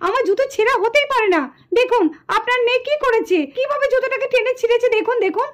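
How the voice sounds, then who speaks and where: Woman voicing a shrill shop-keeper lady. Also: quick pace. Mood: indignant. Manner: shrill, accusing, complaining. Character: loud indignant woman shoe-shop keeper. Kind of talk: puppet show voice acting.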